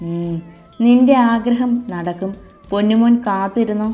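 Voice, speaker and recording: A woman's voice: medium pitch, measured pace, dark tone, soft background music, lightly acted. A woman voicing a scheming young man with a sly, menacing manner.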